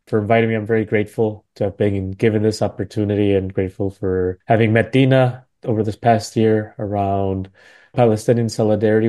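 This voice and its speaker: A man's voice: lowish voice, warm tone. A man in his thirties from Milwaukee giving a conversational talk as a guest speaker, often adding "right?" and "you know" to his phrases. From Milwaukee, United States. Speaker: guest speaker, community organizer. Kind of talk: prepared talk at a panel event.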